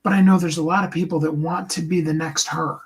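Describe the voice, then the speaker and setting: This is a motivational host and coach whose tenor sits on the high side; he encourages his audience earnestly, slowing often and lowering to a quiet whisper. His pitch moves very little.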